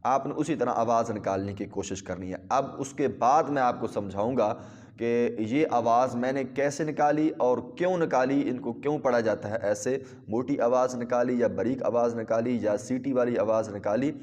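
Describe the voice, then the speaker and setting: A man teaching a recorded Qaidah lesson, explaining step by step with pauses and drawing out letters as models. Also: medium pitch, darkish tone, in a large hall. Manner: drawn-out model pronunciation of letters. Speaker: Quran teacher.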